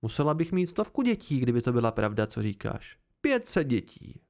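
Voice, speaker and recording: A man's voice: very animated, darkish tone. A man voicing a playful, teasing young warrior woman in an audiobook, raising his voice for her. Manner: amused and teasing, raised pitch.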